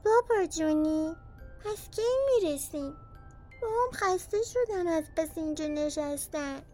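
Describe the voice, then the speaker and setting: A woman voicing a small, curious little girl in a children's bedtime story, talking in a childlike way over soft music. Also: high-pitched, voice pushed up, lightly acted. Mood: bored. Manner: childlike, whiny then excited.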